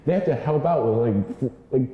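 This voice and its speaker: A man's voice: medium pitch, fast talker. A man from Canada co-hosting a podcast, arguing his points in casual chat. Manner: animated, argumentative. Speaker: podcast co-host. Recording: roomy echo, dull lo-fi sound.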